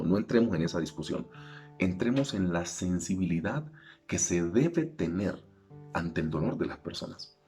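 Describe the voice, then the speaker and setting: A man's voice: low voice, darkish tone. A man preaching a sermon in a conversational way, with sudden emphatic rises. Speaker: pastor.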